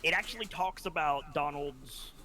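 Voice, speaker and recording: A man playing a tabletop game, chatting and arguing points in an animated way. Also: a little high. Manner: animated, quick to argue a point. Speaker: player. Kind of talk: casual chat at a game table.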